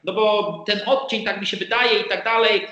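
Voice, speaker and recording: A high-voiced man talks in a lively, animated way and acts out the lines he quotes. His voice is bright and forceful, and the room around him is echoey. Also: normal speed, lo-fi sound. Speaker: negotiation expert guest. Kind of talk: conversational explaining.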